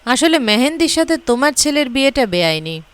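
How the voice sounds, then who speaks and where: A woman reads a proud, dismissive mother in a storybook, curt and impatient. Fairly high voice, dry close recording. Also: very animated, brisk, clean tone, dry recording.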